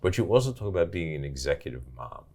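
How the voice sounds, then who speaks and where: A man's voice: low voice, sing-song, fast, a little mellow. An older man hosting an interview, asking questions and reacting with enthusiastic exclamations. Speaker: podcast host. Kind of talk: interview conversation.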